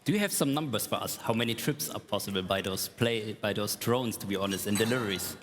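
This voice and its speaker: A moderator leading a conference panel, enthusiastic and quick to react with exclamations. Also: mid-range voice, lively intonation. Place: large conference hall stage. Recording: long hall reverb.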